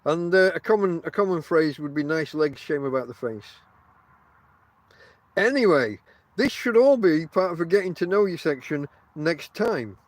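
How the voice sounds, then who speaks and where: A man's voice: a little high, expressive, normal speed, no echo. A middle-aged man with toothless, lips-over-teeth articulation, chatting casually and wryly on a podcast in a self-deprecating way. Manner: self-deprecating, wry banter. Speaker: podcast host. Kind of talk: casual rambling podcast talk.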